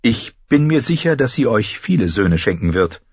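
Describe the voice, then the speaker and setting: A proud noble lady, read by a male narrator who speaks firmly and evenly, holding back her anger. The storybook voice is husky and slightly raised from his low baseline. The recording is dry and somewhat dull. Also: very animated, no echo. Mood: measured. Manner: firm, measured, defiant. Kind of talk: audiobook character voice.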